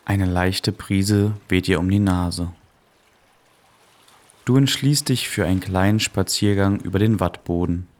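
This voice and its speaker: A man softly and calmly narrating a guided meditation in a soothing manner, as the host of a relaxation podcast. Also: deep voice, unhurried.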